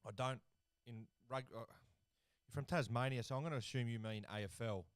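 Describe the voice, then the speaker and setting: A man's voice: medium pitch, moderate pace, clean tone, no room sound. A young Australian man hosting a casual cricket watchalong from his lounge room, laid-back and swearing freely. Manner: laid-back, swears, excitable over wickets. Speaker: watchalong host and commentator. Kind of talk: casual live-stream commentary.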